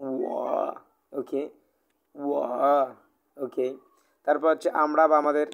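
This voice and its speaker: A man with a Bangladeshi Bengali accent leads a live online Chinese lesson, speaking in a somewhat raised voice. He is patient and explains things twice, rephrasing as he goes and filling pauses with "ah". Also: fairly high pitch, little pitch movement, creaky. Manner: patient, repeats and rephrases, many "ah" fillers. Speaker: Chinese language teacher. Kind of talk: live online language class, oral exam.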